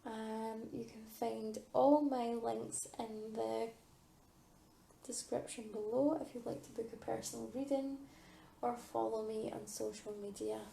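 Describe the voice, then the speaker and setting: Woman, tarot reading, gravelly, higher voice, hoarse, hesitant asides, echoey room with faint ambience. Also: fairly even intonation, a little slow, warm tone, slight background noise. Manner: hesitant, many ums and "I feel like" asides. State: losing her voice, throat trouble. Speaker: psychic medium doing tarot readings. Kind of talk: pick-a-card tarot reading to camera.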